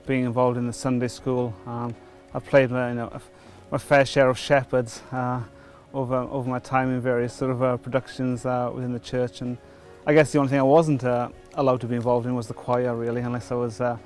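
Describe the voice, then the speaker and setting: Soft music plays as a middle-aged man from Wales shares his pre-baptism testimony at a brisk pace, barely pausing. His mid-range voice is a little mellow with little pitch movement, and he hesitates, uses many fillers and keeps restarting.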